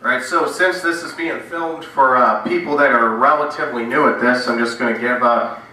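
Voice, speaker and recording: A man's voice: mid-range voice, steady tone, normal speed, sharp tone. A man with a bad cough giving a casual Bible lecture to a small room, reading scripture aloud between plain remarks. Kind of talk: recorded lecture to a small audience. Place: indoor meeting room. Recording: roomy, from a distance, noisy.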